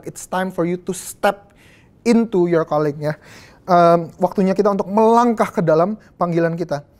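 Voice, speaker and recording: A woman's voice: mid-range voice, darkish tone. A young adult woman from Indonesia, preaching a youth sermon in a casual, slangy way with English phrases mixed in.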